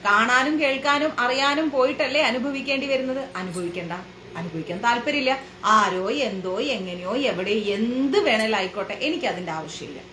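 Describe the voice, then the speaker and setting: A woman's voice: fairly high pitch, normal speed, pushed and bright, slight background noise. A woman giving a spiritual lecture to a class, asking the listeners questions and explaining with everyday examples. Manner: asks the listeners rhetorical questions. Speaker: devotional class teacher. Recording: echoey room.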